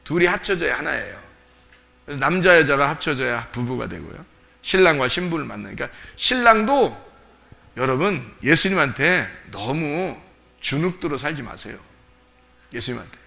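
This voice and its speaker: Joking, lively male pastor. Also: on the high side, moderate pace, creaky. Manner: colloquial, joking, laughs often; lively, animated delivery. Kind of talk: sermon.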